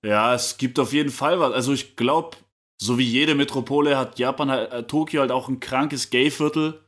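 A man's voice: mid-range voice, moderate pace, fairly bright tone. A young man co-hosting a podcast, talking casually in slangy, laid-back chat. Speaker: podcast co-host.

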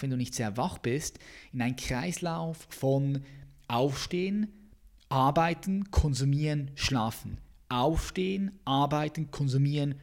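A man giving an intense motivational monologue as a personal growth coach, jumping from loud bursts to hushed whispers. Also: medium pitch.

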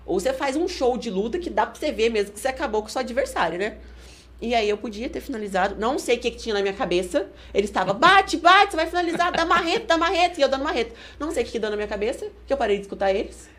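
A woman with a Brazilian Portuguese accent, a guest on a studio podcast, telling a story with energy and acting out the shouts of others. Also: a little high, rapid-fire. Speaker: guest fighter. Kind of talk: casual podcast interview.

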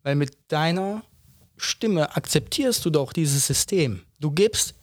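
A man's voice: fairly high pitch, expressive, takes it slowly, dry recording, clean studio sound. Blunt, rhetorical man in his thirties. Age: 30s. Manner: blunt, emphatic, rhetorical questions, frequent "ne?". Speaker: podcast co-host. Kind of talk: casual chat.

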